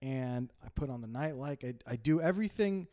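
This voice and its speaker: A man's voice: mid-range voice, lively intonation, a little fast, dark tone. A man co-hosting a casual podcast, a father telling a story in a rambling way with many restarts. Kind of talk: casual chat.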